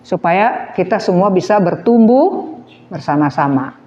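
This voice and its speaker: A woman preaching a sermon, animated, throwing questions at her listeners and slipping into slang. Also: lowish voice, unhurried, roomy sound, a little hiss or hum. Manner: animated, asks the audience questions, mixes in slang. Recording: dull lo-fi recording.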